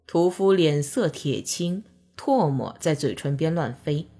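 Low husky woman reading an audiobook, calm steady narration. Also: a little slow.

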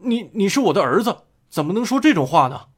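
A man voicing an irritable, harsh father who speaks loudly and in a rush. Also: high-pitched, very animated, fast, slightly rough, voice pushed up, heavily acted.

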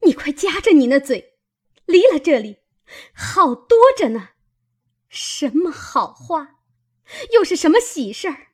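A woman reader voicing a proud young maidservant who scolds in a high, loud voice and cries in anger. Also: sing-song, a little slow, slightly rough, exaggerated voice. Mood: furious tearful. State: crying while scolding.

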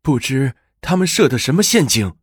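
A man's voice: mid-range voice, sing-song, normal speed, slightly rough, no echo, studio quality, pitched above the performer's own voice. A man voicing a loyal young woman who pleads with worry. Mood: worried. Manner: pleading, worried. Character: loyal, worried young woman, a palace sister.

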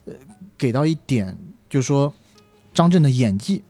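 Mellow man with very lively intonation. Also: medium pitch, moderate pace, no echo, faint music behind. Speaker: film industry commentator. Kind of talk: casual discussion.

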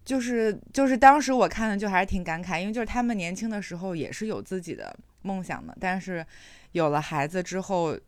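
A woman's voice: medium pitch, expressive, brisk, no echo. A woman co-hosting a podcast, talking in a chatty, reflective way with many fillers. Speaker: podcast co-host. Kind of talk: casual chat.

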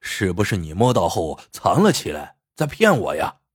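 A man voicing a scrawny old trickster who teases calmly and slowly in a husky, lowered voice. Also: no echo, studio quality, exaggerated voice. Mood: sly calm. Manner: calm, teasing, slow.

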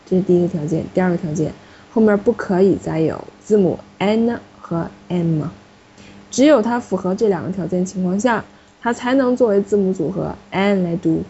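A woman's voice: on the low side, normal speed, mellow. A woman teaching French to a class in a classroom, explaining step by step and patiently correcting students. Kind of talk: classroom language lesson. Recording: muffled, slightly noisy classroom recording.

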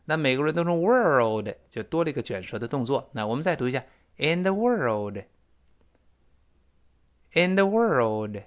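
Lively man teaching English phrases. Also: mid-range voice, normal speed, long pauses. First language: Chinese. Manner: animated, repeats phrases for drill. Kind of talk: spoken English lesson.

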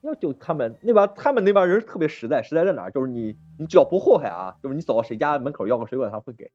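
A man's voice: mid-range voice, very animated, racing, darkish tone, dry recording, muffled recording. A man hosting a casual podcast chat, telling stories animatedly and acting out the people in them. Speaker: podcast host.

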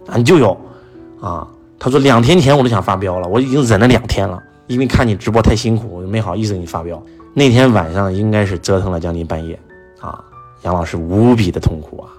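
A man's voice: lowish voice, husky. A man giving a motivational lecture to an audience, telling a personal story and asking many rhetorical questions. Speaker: motivational speaker.

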